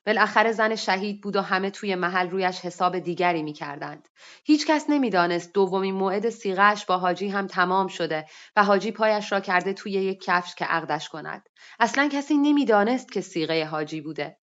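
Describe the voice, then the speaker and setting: A woman's voice: mid-range voice, fairly bright tone. Woman reading a story, muffled audio. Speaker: reader. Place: online audio room. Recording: dull lo-fi online audio.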